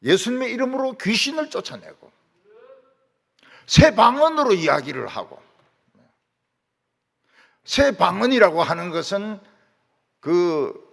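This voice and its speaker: Lively, gravelly-voiced preaching pastor. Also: male voice, a little high. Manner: emphatic, rhetorical questions with "응?". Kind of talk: sermon. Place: church sanctuary. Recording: long reverb of a church hall.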